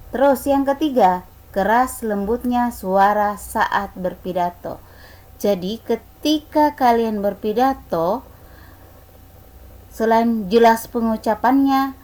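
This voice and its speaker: A woman's voice: a little high, a little mellow, poor audio. A woman teacher explaining a lesson patiently, repeating points and asking the pupils rhetorical questions. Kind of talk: slow online class explanation.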